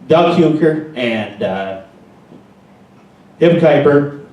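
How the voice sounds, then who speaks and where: A man's voice: medium pitch, a little mellow. An American man working as an auctioneer, speaking at a live competition. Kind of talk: competition interview answers and live auction chant. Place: large indoor hall at a live contest. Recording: echoey hall, distant microphone.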